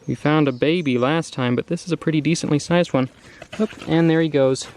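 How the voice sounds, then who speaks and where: A man's voice: a little high, a little fast, a little mellow. Man, admiring wildlife host outdoors. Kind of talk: casual field commentary with some narration. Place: outdoors on wooded, rocky hillsides.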